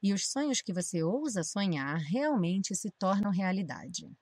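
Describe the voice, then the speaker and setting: A woman's voice: medium pitch, sing-song, unhurried, darkish tone, slightly rough, no echo. A woman, an English teacher patiently explaining grammar to viewers and checking that they follow.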